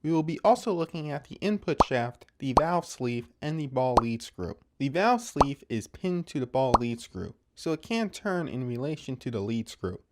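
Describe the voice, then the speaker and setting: A man's voice: mid-range voice, big pitch swings, moderate pace, hardly any pauses, heavy background noise. A man hosting a car teardown channel, narrating a technical explainer with dry, self-mocking humor.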